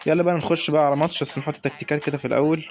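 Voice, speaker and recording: A man's voice: fairly high pitch, fairly even intonation, rapid-fire, a little mellow. A young man with an Egyptian accent giving hyped live gameplay commentary on a football video game, calling out to the players on screen. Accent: Egyptian Arabic. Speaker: gaming YouTuber.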